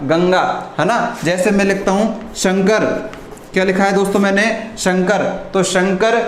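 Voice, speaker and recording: High-voiced male teacher in an echoey room. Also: steady tone, moderate pace. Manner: repeats questions to the class and answers them; often clears throat. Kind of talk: live online grammar lesson. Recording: echoey room with faint noise.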